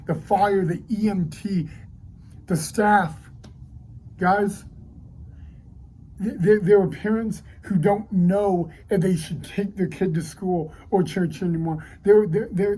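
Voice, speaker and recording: Woman host, crying, halting, repeats words, husky, mellow tone. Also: lowish voice. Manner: halting, tearful, repeats herself. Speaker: channel host. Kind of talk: emotional direct-to-camera address.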